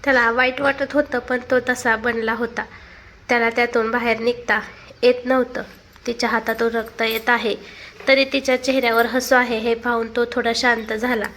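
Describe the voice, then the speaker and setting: A woman reading a family drama aloud as the storyteller, steady and emotive. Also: on the high side, moderate pace, slight background noise. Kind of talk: storybook narration.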